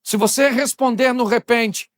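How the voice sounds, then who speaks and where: A man's voice: extremely high pitch, steady tone, a little slow, fairly bright tone, no room sound, studio quality. A male pastor from Brazil giving a humorous sermon in a church, talking straight to the congregation and acting out little scenes.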